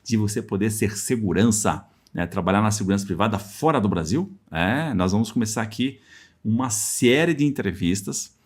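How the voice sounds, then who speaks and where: A man from Brazil hosting a podcast, chatty and energetic with frequent tag questions. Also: on the low side, moderate pace. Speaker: podcast host. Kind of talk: casual interview.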